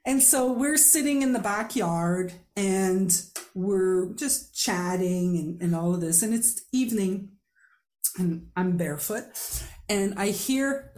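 A woman from Quebec, Canada, hosts a podcast in a casual interview chat, her medium-pitched voice carrying a darkish tone. A native French speaker with a Quebec French accent, she chats, laughs and tells stories as she goes.

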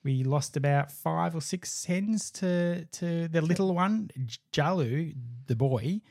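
A man's voice: fairly high pitch, slow pace, vocal fry, darkish tone, dry recording. Easygoing man, dry close sound. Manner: easygoing, rambling with restarts. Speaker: podcast co-host. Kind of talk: casual chat.

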